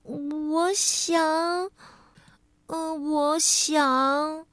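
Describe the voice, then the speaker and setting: Brief: a woman playing a ditzy, stammering lady in a children's storybook, high-pitched, slow and muddled. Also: level tone, fairly bright tone, no room sound, full character voice. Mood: flustered. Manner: stammering, hesitant, drawn-out. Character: scatterbrained absent-minded lady, flustered and hesitant.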